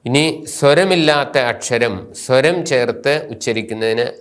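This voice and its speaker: A man with a Malayali accent, a priest teaching a slow grammar lesson who spells out letters and terms one at a time and repeats each term. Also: mid-range voice.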